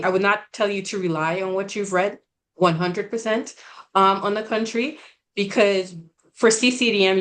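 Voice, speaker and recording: A woman from Guyana, speaking earnestly on a webinar panel, often pausing with "um" and asking "right?". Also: fairly low pitch. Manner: earnest, measured, with frequent "um" and "right?". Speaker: regional representative. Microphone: video call.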